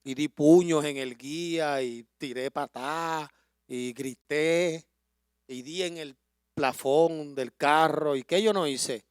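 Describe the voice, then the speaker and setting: A middle-aged male pastor preaches with deep emotion, his fairly high voice swelling into impassioned declarations. The sound is dry and close, with no room echo. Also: takes it slowly, clear, resonant tone. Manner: emotional storytelling that builds to impassioned loud preaching. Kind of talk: sermon.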